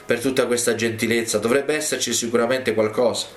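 A man voicing a tired, gentle old prophet who speaks tenderly to his young servant in a retold sermon story. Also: mid-range voice, steady tone, brisk, roomy sound, lightly acted. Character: weary old male prophet, gentle and kindly.

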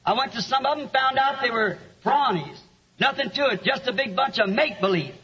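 A man, preaching a sermon with an interpreter and telling stories that rise to shouts. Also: extremely high pitch, expressive, moderate pace, slightly rough. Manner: storytelling, rising to shouts. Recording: dull lo-fi sermon recording.

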